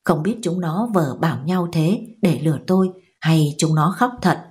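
Woman reading a novel out loud, low mellow voice, steady and even. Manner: steady, measured storytelling. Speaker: audiobook reader. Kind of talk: audiobook narration of a novel.

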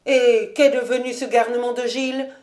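A woman's voice: medium pitch, animated, moderate pace, a little mellow, lightly acted. A woman reading a storybook aloud and voicing a bold, fierce old mother-in-law with a defiant, cool-headed manner.

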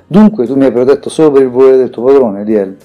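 A man's voice: medium pitch, animated, quick pace, muffled recording, faint music behind, lightly acted. A man voicing a hurt young woman in an audiobook, speaking in a trembling voice.

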